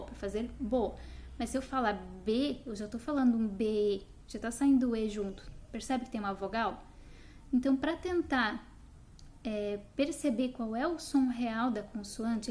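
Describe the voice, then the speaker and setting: A woman's voice: a little high, warm tone, a little hiss or hum. A woman teaching phonics in a video lesson, patiently explaining and repeating short letter sounds.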